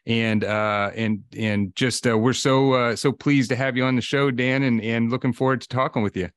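A man hosting a podcast in a conversational, halting manner, repeating words as he goes. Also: medium pitch, steady tone, clean tone, no echo, studio quality. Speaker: podcast host. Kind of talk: conversational introduction of a guest.

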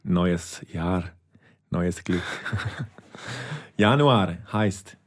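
Deep-voiced man teaching casually. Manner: patient, repeats words slowly. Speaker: Romansh teacher. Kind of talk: casual language lesson.

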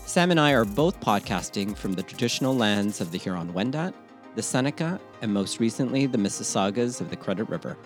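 A man's voice: lowish voice, lively intonation, fairly quick, faint music behind. A Filipino-born man co-hosting a podcast, chatting with enthusiasm and lots of "like" fillers. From Philippines. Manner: warm-hearted, enthusiastic, many "like" fillers. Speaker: podcast co-host. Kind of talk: casual podcast chat.

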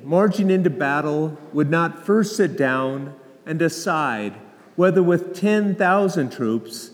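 A man gives a formal, solemn Gospel reading as a clergyman, measured and deliberate, with a cathedral echo. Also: on the high side. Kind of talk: formal liturgical scripture reading. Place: large reverberant church.

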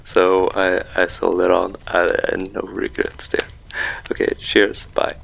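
A man leaving a casual, halting voicemail, full of fillers, played back from an answering machine over a landline. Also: low voice, level tone, gravelly, noisy background. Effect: voicemail message played back over a landline answering machine. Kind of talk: casual rambling message.

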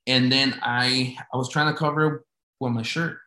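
A man's voice: medium pitch, fairly even intonation, normal speed, pushed and bright. A man telling a story casually, rambling with lots of restarts. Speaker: storyteller recounting an injury. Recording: echoey room.

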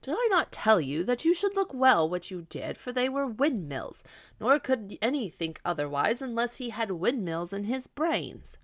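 A woman's voice: on the high side, big pitch swings, moderate pace, dry recording. A woman voicing a plain-spoken, skeptical male peasant squire who talks bluntly and folksily. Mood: warning.

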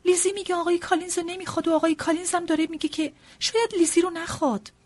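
A woman voicing a fussy, excitable middle-aged mother in an audiobook, pushing and pleading in a rush. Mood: agitated. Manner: shrill, pushy, breathless insistence. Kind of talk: audiobook character reading.

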